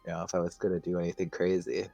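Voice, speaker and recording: A man playing in a tabletop game, quick and playful. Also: low-pitched, monotone, gravelly, mellow, no echo, soft background music. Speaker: player.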